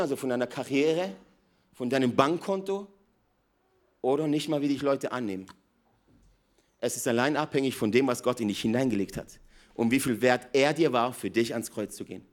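In a large church hall, a male pastor delivers an energetic sermon, swinging between loud, emphatic bursts and quiet, low asides.

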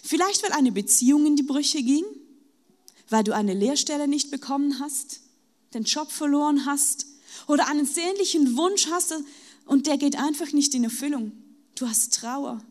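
High-voiced woman preaching a sermon. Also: moderate pace, a little mellow. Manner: addresses listeners directly, voices Jesus's invitations.

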